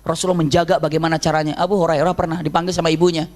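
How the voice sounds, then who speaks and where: Male preacher, high voice, animated storytelling sermon. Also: rapid-fire. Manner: lively storytelling, acts out quoted voices, frequent laughter.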